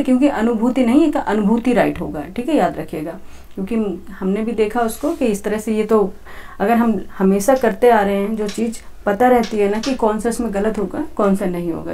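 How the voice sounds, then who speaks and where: A woman's voice: medium pitch, dark tone. A woman teacher working through exam questions step by step, repeating herself and saying "okay" often as she talks to her students. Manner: repetitive, says "theek hai" often; explains step by step, talking to students. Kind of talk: exam-prep lesson.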